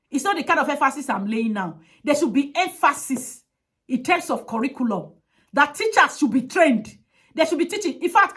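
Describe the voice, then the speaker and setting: A woman's voice: high voice, a bit bright. A woman giving an impassioned advocacy monologue, emphatic and pleading, with heavy repetition.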